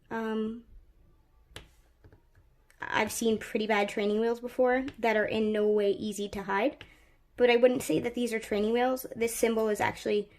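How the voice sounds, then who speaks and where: A woman's voice: on the high side, darkish tone. A woman hosting her craft channel, talking casually through a tutorial while she works with her hands, thinking aloud with fillers and restarts.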